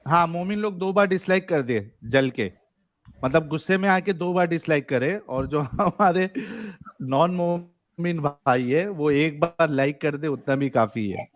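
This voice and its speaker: A man's voice: a little high, a little slow, dry recording. A man hosting a livestream debate show. He reads viewer messages aloud in a casual, joking way and laughs often. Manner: jokey, laughs often while reading comments.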